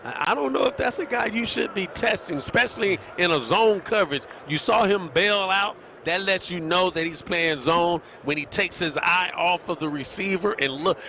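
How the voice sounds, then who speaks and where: Ex-player doing color commentary at a football game, animated, breaks down the plays, bright punchy voice, faint noise behind. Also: male voice, high-pitched, moderate pace, vocal fry, few pauses. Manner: animated, explaining, laughs easily. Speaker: color commentator, former defensive back.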